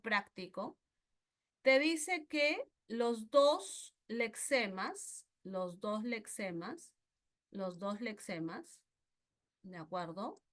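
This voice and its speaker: Slow, higher-pitched woman teaching grammar. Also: fairly bright tone. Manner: slow and repetitive, checks understanding with frequent questions. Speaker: language teacher. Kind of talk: pre-university grammar lesson.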